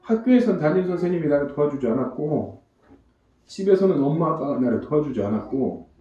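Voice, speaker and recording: A comedian giving an emotional testimony in church, telling his story in an animated way and acting out the voices of the people in it. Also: a little high, brisk, distant mic, highs cut off. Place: church hall before a congregation. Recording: echoey church hall, mic from afar.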